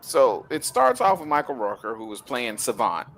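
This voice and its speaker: A man's voice: medium pitch, huge pitch swings, moderate pace, slight background noise. A man hosting a casual film discussion, recapping plots with frequent laughter. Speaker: host.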